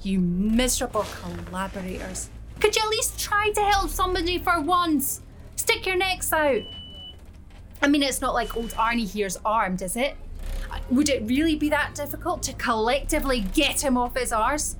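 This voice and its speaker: A woman plays a worn-out, middle-aged Scottish nurse in an audio drama, sardonic and quick to swear, with a high, carrying voice. She speaks loudly and bluntly, with a faint hiss of noise under the recording. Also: lively intonation. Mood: furious scolding. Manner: loud and carrying. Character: fed-up foul-mouthed female nurse, middle-aged.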